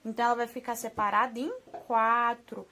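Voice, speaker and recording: Affectionate Brazilian teacher, slightly high voice. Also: female voice, little pitch movement, pushed and bright. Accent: Brazilian Portuguese. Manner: affectionate, slow syllable-by-syllable modeling, frequent "tá bom?". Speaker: primary school teacher. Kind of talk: remote lesson for young children.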